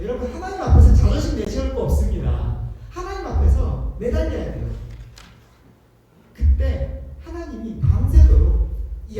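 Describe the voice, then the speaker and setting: A male pastor preaching a sermon, asking the congregation questions and swinging between loud calls and hushed words. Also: very high voice, background noise. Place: church sanctuary. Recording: distant echoey sanctuary, dull sound.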